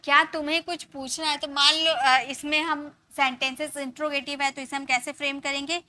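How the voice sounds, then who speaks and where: A young Indian woman teaching a live spoken-English class, explaining in Hindi and slowly spelling out English example sentences. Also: high-pitched, level tone, pushed and bright, no echo.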